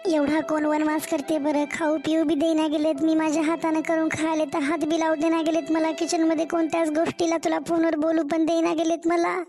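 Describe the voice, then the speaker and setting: A woman's voice: very high-pitched, level tone, brisk, darkish tone, soft background music. A woman voicing a young, mistreated daughter-in-law in a cartoon story, pleading. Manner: pleading, complaining.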